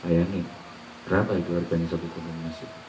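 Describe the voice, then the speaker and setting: A man's voice: sits low, little pitch movement, fast talker, distant mic, background noise. A man giving an Islamic sermon, quoting Arabic recitations and asking the listeners rhetorical questions. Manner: mixes Arabic recitation with colloquial teaching, asks rhetorical questions. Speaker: preacher. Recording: roomy echo, voice off-mic.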